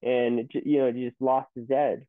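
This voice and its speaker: A man's voice: mid-range voice, flat delivery, a little fast, no echo. A man in his thirties, a company CEO, telling stories in a casual interview with many restarts. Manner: rambling, storytelling with many restarts. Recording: tinny phone-like line, dry.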